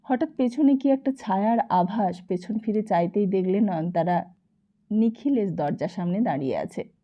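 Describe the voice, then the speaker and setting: A woman narrating a novel as an audiobook in a measured storytelling manner. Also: mid-range voice, expressive. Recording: slightly dull lo-fi recording.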